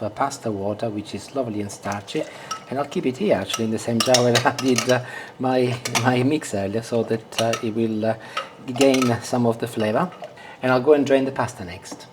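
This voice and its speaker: Guy doing a chatty cooking demo, mid pitch, some background noise and dishes clinking. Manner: chatty, savouring the food aloud. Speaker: cooking show host. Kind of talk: casual cooking demonstration. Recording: clear background noise, kitchen clatter.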